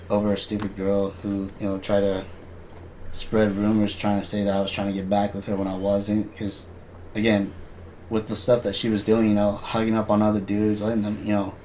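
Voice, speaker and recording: A man's voice: fairly low pitch, darkish tone, slight background noise. A young man in casual podcast chat, rambling and filling gaps with filler words. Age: young adult. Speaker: podcast co-host.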